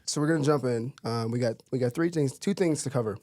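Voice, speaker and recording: A man's voice: medium pitch, quick pace, over loud music. A man hosting a podcast in a playful, joking, upbeat manner. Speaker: podcast host. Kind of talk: casual podcast talk.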